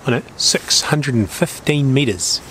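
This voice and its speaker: A man's voice: medium pitch, expressive, a little slow, a bit bright. A man with a broad New Zealand accent talking casually and in a laid-back way to camera as a hunting vlogger outdoors. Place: outdoors in bush and hilltops. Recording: noisy outdoor ambience.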